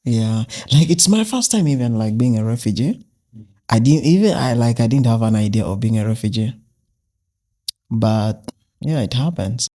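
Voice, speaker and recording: A man's voice: mid-range voice, lively intonation, moderate pace, warm tone. A young man from South Sudan, a podcast guest talking casually with many fillers and restarts. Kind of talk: casual interview.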